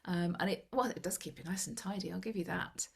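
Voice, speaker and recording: A woman's voice: fairly low pitch, fairly even intonation, fairly quick, gravelly, slightly rough. A woman sharing tips in a casual chat over a laptop video call, laughing often and acting out little quotes. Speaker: club member giving tips.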